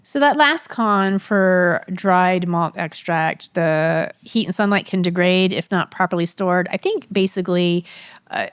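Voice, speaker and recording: Female podcast co-host, methodical and even-tempered, dry close-miked sound. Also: fairly low pitch, smooth, no room sound. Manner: measured, methodical, walks through a list. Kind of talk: casual podcast chat.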